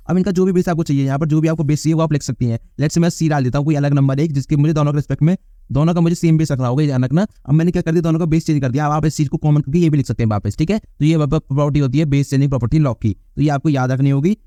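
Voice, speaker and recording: A man's voice: a little high, dark tone, no echo, clean studio sound. A young man teaching a math problem step by step in a chatty style, checking in with his listeners again and again. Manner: chatty, often says "thik hai bhaiya" and "dekhiye". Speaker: math tutor. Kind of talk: whiteboard lesson explanation.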